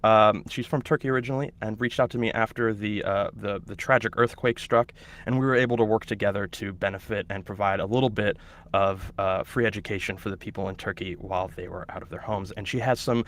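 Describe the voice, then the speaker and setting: Hosting a teacher orientation webinar online, this man speaks briskly in a somewhat low, steady, slightly bright voice. His instructive walkthrough of the steps and his guest introduction include hesitations, fillers, and restarts.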